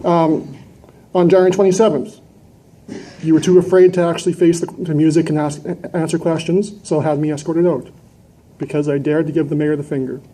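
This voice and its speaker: A citizen delegate addresses a large indoor council chamber, speaking close into a gooseneck microphone with a fairly high, dark-toned male voice. His delivery is steady and a little quick as he makes an impassioned, combative speech packed with emphasis and rhetorical questions. The recording is rough, with a slight hiss or hum.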